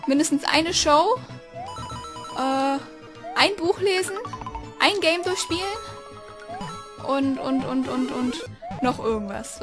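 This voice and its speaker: High-voiced chatty young let's player. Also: female voice. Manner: chatty, rambling, with sudden frustrated outbursts. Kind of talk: casual gameplay commentary. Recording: game music playing behind the voice.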